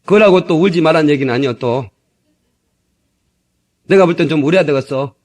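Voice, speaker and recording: A middle-aged male pastor preaching an animated, jokey sermon with shouted hallelujahs, from an old tape. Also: fairly high pitch, fairly quick. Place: church sanctuary.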